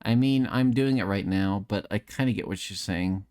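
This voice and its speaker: This man's fairly low, slightly mellow, smooth voice moves at a normal speed as he streams late at night. He's candid and self-mocking, cursing freely, repeating words and starting sentences over.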